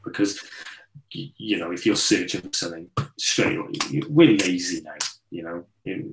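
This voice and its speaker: Deep-voiced man rambling casually. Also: lively intonation, normal speed, background noise. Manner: rambling, fillers and repeated "you know". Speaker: podcast co-host. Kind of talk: casual chat.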